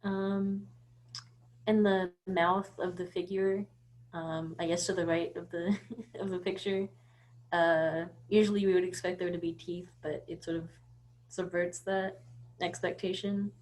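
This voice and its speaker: A woman's voice: on the low side, level tone, unhurried, a little mellow. A woman student answering in an online class over a video call, hesitant with ums.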